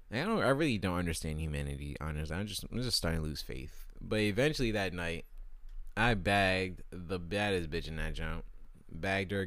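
A man's voice: low voice, no echo. A young man delivering a crude, rambling, exasperated comedic rant to camera with lots of fillers. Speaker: vlogger.

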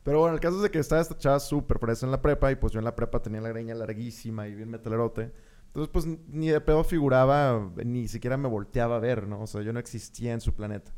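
A young man with a Mexican Spanish accent, a podcast co-host telling a story in casual chat, animated, full of slang and swearing, acting out his own reactions. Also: mid-range voice, fast talker, smooth.

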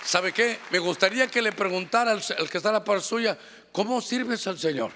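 A Honduran pastor preaching with a high, bright, ringing voice, acting out what church members say. He is a man with a Honduran Spanish accent, and his sermon carries long reverb from a big church hall. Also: moderate pace, a faint crowd, a little hiss or hum.

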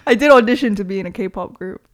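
A woman's voice: medium pitch, fast talker. A young woman, a DJ raised in Toronto, chatting casually in an interview, filling her talk with "like" and laughing easily. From South Korea, raised in Toronto. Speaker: DJ and promoter, guest.

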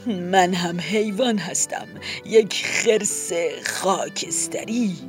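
A woman voicing a gentle old male grizzly bear posing as a neighbour, speaking slowly, softly and hesitantly. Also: medium pitch, soft background music, close to an everyday voice. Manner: slow, soft and hesitant.

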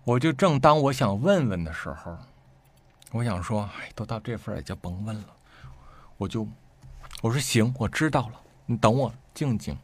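A man telling a family story in casual talk, acting out what people said with sharp jumps in pitch. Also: normal speed, no room sound. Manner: animated, acts out quoted speech with sharp rises. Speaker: storyteller guest.

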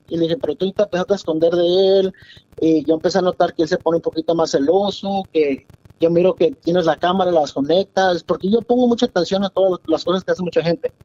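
A man's voice: high-pitched, dark tone. A man calling in to a radio show, telling a long confessional story in a rambling way over a dull phone line. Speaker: caller.

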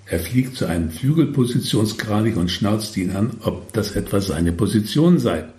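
A man's voice: fairly low pitch, animated, moderate pace, darkish tone, reverberant. A man reading his own humorous story with wry, tongue-in-cheek asides.

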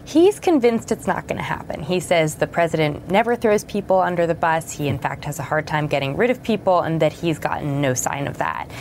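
A woman reporter explaining her reporting in a news interview, measured and explanatory with occasional fillers. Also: low-pitched, lively intonation, a little mellow, slight background noise. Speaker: newspaper reporter as guest.

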